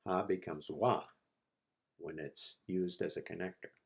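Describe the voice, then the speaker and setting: A man teaching a language lesson, repeating each word slowly and patiently for learners. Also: sits low, fairly even intonation, vocal fry. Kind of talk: slow, patient lesson narration.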